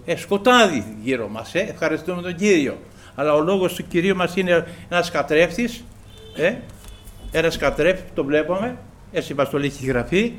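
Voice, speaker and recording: Male preacher, sermon, slightly high voice, halting delivery, frequent fillers, repeated praise exclamations. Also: lively intonation, fairly bright tone, slight background noise. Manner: halting, many "eh" fillers, repeated "glory to the Lord".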